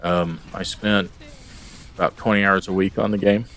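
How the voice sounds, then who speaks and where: A man's voice: low voice, little pitch movement, moderate pace, a bit bright. A man recording a casual video log about his game stats, rambling and hesitant with plenty of ums and uhs. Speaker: gamer vlogger.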